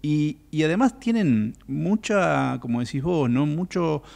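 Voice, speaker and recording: A man with a Rioplatense Spanish accent hosting a radio interview, speaking in a measured way with frequent hesitant "eh" fillers. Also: a little high, lively intonation, vocal fry, a little mellow. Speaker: radio host.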